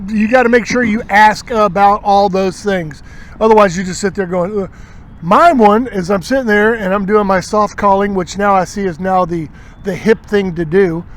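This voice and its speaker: High-voiced man telling hunting stories. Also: normal speed. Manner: rambling, animated storyteller acting out quotes. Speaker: outdoors show host. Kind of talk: casual storytelling chat. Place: outdoors at a marina.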